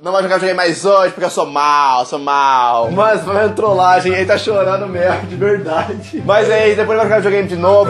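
Teasing young man vlogging. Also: sits high. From Brazil. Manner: teasing, mocking, often laughing. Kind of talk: casual prank vlog.

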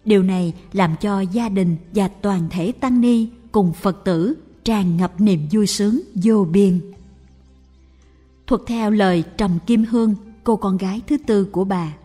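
A woman slowly and calmly reading a Buddhist story aloud. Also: medium pitch, husky. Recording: reverberant with faint music.

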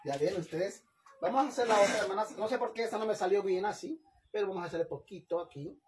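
A man's voice: high-pitched, fast talker, background noise. A man with a Mexican accent chatting casually while he cooks on camera, playful and campy, and he laughs often. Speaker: vlogger cooking on camera. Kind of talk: casual live cooking chat.

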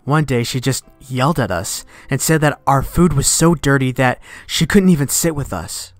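A man reading a horror story aloud in a measured voice that sinks to a hush at tense moments, with faint music behind. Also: mid-range voice, dry recording. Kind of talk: scripted horror narration. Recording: dry close recording, faint music behind.

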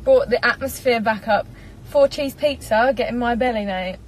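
A woman's voice: fairly high pitch, moderate pace, slight background noise, rough recording. Bubbly English woman chatting in a car. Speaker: singer doing a live stream. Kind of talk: casual live-stream chat reading comments. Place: parked car. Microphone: phone propped up in front.

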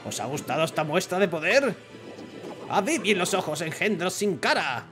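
A man voicing a smug, scheming archmage villain in a video game, with slow, mock-menacing delivery. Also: high-pitched, sing-song, a bit bright, faint music behind, full character voice. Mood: gloating.

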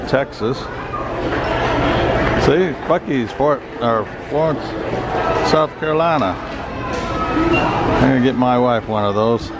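An older man narrating a walking tour vlog in a slow, leisurely way with amused asides, filmed on a handheld camera in a large store. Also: medium pitch. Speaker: vlogger. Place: large busy store and gas station forecourt. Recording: loud crowd and store noise.

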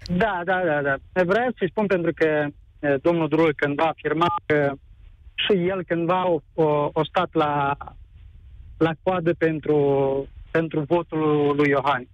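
A man calling in to a live radio show, halting and repeating words as he rambles toward his question. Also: a little high, steady tone, dry recording. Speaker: caller. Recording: dull, dry phone line.

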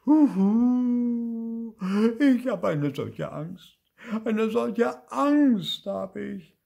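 A man's voice: sits high, sing-song, slow, mellow, slightly rough, dull audio, pitched above the performer's own voice, full character voice. An older man reading aloud and voicing a timid ghost girl who whimpers and stammers in fear. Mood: wailing scared. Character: timid wailing ghost girl, always scared.

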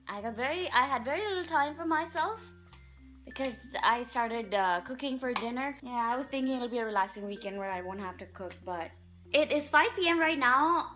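A woman's voice: high-pitched, a bit bright. A young woman vlogging at home, chatting about her day as a mother of twins. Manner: chatty, talking to camera and to toddlers. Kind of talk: casual home vlog. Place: home kitchen and living room. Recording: music playing underneath.

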